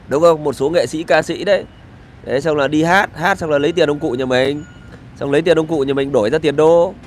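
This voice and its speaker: A man's voice: fairly high pitch, a little hiss or hum. A middle-aged man, ranting sarcastically and crudely in a casual vlog from a street. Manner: sarcastic, crude and rambling, with swearing. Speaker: vlogger. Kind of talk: casual outdoor vlog rant.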